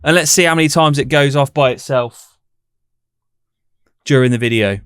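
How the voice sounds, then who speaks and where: A man's voice: medium pitch, normal speed, a bit bright, clear, resonant tone, dry recording, studio quality. A man hosting a paranormal debunking channel, explaining things in a skeptical, casual way. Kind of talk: casual commentary and testing.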